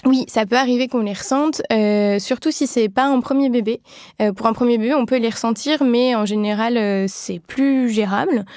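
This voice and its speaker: A woman's voice: fairly high pitch, moderate pace, a little mellow, no echo. Hesitant woman midwife, dry sound. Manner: hesitant, many fillers and restarts. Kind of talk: podcast interview, explaining.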